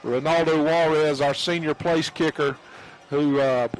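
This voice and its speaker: A man with a Southern US accent calling high school football on the radio in a folksy, excitable way. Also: a little slow, low-quality recording. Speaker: radio play-by-play announcer. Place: press box at a football stadium.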